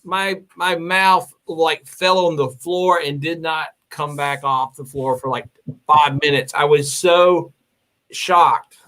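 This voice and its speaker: Excitable young-sounding male co-host. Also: fairly high pitch, slow pace. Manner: excitable, exclamatory. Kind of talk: casual live-stream chat.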